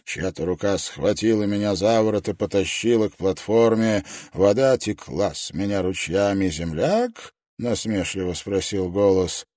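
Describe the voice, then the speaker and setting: A man reading an audiobook narration in a steady, measured way. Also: lowish voice, dry recording, clean studio sound.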